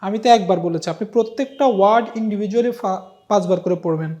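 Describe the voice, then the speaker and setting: A man's voice: high-pitched, quick pace, mellow, dull audio. A middle-aged man teaching an online Quran reading lesson, patiently spelling out letters one by one and coaxing students to repeat after him.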